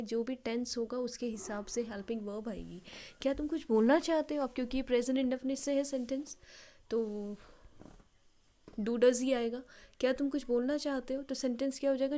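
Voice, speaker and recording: A woman teaching English, explaining phrases and dictating example sentences slowly. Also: sits high, mellow. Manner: explanatory, addresses students directly. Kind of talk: bilingual classroom-style lesson.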